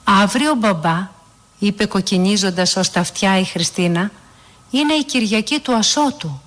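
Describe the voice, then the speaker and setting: A woman's voice: medium pitch, fairly bright tone, lightly acted. A woman voicing a shy, timid teenage daughter in a storybook reading. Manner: shy, hesitant.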